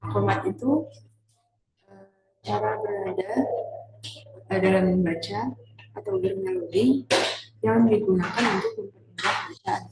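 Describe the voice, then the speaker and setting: A teenage girl giving a class presentation, hesitant with many pauses and fillers, recorded in a classroom. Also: medium pitch, gravelly, noisy background. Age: teens. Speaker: student presenter. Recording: echoey classroom.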